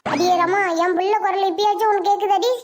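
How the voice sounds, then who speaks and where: A woman's voice: very high voice, steady tone, a little fast. A woman voicing an angry, bitter aging mother in a cartoon, scolding and accusing. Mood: insistent. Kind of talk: Tamil cartoon voice acting.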